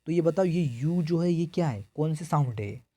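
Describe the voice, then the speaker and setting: With a slightly high, warm voice and lively intonation, a man from India teaches exam-preparation grammar at a moderate pace, recorded dry. He keeps asking his own questions and answering them, repeating each answer several times in a call-and-response rhythm.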